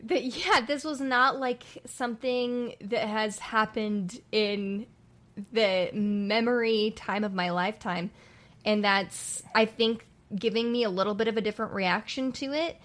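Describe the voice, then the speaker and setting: A woman's voice: on the high side, a little slow, a bit bright. A woman in her twenties, co-hosting a podcast in casual chat, rambling and searching for words as she talks. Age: 20s. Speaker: podcast co-host.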